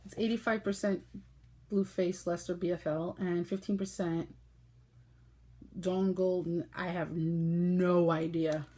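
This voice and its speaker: A woman's voice: on the low side, steady tone, measured pace, mellow. A woman from Brooklyn with a New York accent, hosting a casual yarn haul chat, chatty and gushing, often laughing. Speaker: knitting podcast host.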